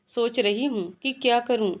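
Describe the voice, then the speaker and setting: A woman voicing a shy young bride in a spoken storybook, hesitant and soft. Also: on the high side, measured pace, close to an everyday voice.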